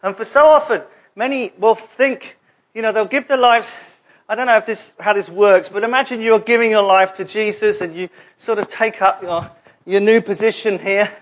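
Chatty high-voiced preacher. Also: male voice, fairly even intonation, normal speed. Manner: conversational, jokey preaching with asides. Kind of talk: sermon. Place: church hall.

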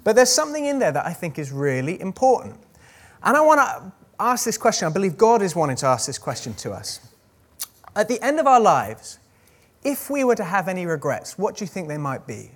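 Man, preacher, sermon, high voice, very animated pitch, conversational, jokey, church congregation. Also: a little fast.

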